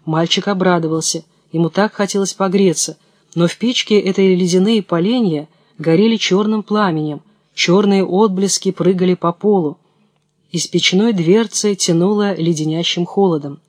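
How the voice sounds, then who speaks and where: A man with a fairly high voice reads a fairy tale aloud in a calm, even way. The sound is close and dry, with no room around it. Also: normal speed, dry recording. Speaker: narrator. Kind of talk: storybook narration.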